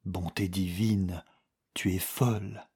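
A man's voice: sits low, fairly even intonation, slow, dark tone, husky, full character voice. A man voicing a frightened, weary old husband in an audiobook reading, shaky and hesitant. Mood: shaken.

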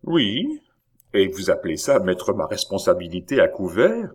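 A man's voice: sits low, wildly swooping pitch, normal speed, a little mellow, breathy edge, exaggerated voice. A man voicing a stubborn innkeeper-postmaster who protests in an exasperated way. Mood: protesting. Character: flustered stubborn older male postmaster.

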